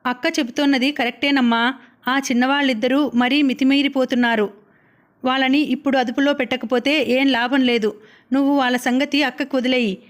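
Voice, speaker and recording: A young man speaks in a calm, persuasive way. The line is read by a woman narrator with a high, clear tone. It is a storybook reading. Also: brisk, close to an everyday voice. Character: young man, reasonable brother.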